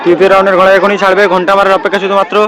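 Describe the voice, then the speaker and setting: Commentating live like a race caller on a crowded outdoor village racing field, a man talks very fast in a high voice with a completely flat delivery. He repeats himself and calls the viewers friends, over the noise of a loud crowd.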